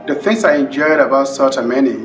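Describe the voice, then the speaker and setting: A man's voice: mid-range voice, expressive, fairly quick, faint music behind. A man enthusiastically giving a personal testimony, with frequent restarts. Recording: roomy, distant recording.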